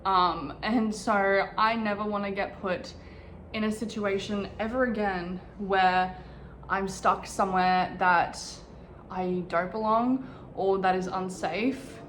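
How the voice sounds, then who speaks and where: A woman's voice: medium pitch, steady tone, slow pace, a bit bright, echoey room, slight background noise. A woman in her twenties talking candidly and reflectively in a casual personal vlog, filmed in her bedroom at home. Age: 20s. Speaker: vlogger.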